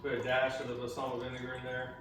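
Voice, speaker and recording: A father who hosts a cooking channel talks fast in a fairly bright, mid-range monotone while demonstrating a dish in his home kitchen. He's chatty and explanatory, with some teasing mixed in. The recording is echoey, with the mic far off and faint noise.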